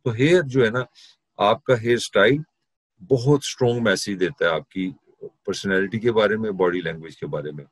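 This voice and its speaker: A man's voice: fairly low pitch, no echo. A middle-aged man with a Pakistani Urdu accent giving a university class lecture, conversational, mixing in English terms and sarcastic asides.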